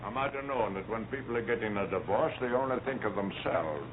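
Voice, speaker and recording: A man's voice: on the low side, a little fast, natural voice. Actor as a blustering man, tinny old film. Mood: sardonic rebuke. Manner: gruff, sardonic, bossy. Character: blustering, combative man scolding a divorcing couple. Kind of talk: 1930s film acting. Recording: tinny, hissy 1930s film soundtrack.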